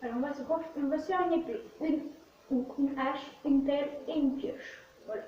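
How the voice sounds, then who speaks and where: Hosting a gaming video, a woman with a high voice speaks at normal speed, tossing off short, casual fragments about what she's doing. The audio is distant, muffled and very echoey, with faint noise.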